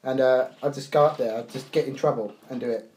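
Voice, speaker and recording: A man's voice: mid-range voice, steady tone, fast talker, a little mellow. A young man, telling school stories casually on a podcast, laughing and swearing as he acts out quotes. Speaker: podcast co-host. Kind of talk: casual storytelling among friends.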